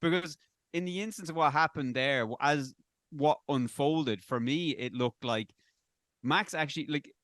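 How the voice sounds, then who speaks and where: A man's voice: on the high side, measured pace, a bit bright, no echo, clean studio sound. A man on a racing review panel, talking casually in a rambling, self-correcting way and speaking bluntly with some swearing. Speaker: panel pundit. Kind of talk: casual race review chat.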